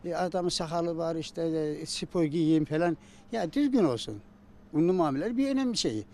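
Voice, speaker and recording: A middle-aged man from Turkey answering informally in an interview, halting and often stumbling over his words. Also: a little high, lively intonation, dark tone. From Çorum, Turkey. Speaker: interviewee, simit seller and retired civil servant. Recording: faint outdoor street noise.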